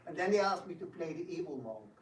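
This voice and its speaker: This man talks fast, his slightly high voice carrying through an echoey room to a distant mic with faint noise. A devotional speaker and drama director, he takes questions in an informal spiritual talk to a group, animatedly telling stories, acting out quotes, and hesitantly repeating words as he gropes for the next.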